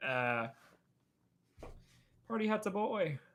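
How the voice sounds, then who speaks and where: A man's voice: high voice, sing-song, slow pace, fairly bright tone. A young man answering viewer questions on a live stream in a rambling, casual way, full of fillers and restarts. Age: young adult. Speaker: animator and streamer.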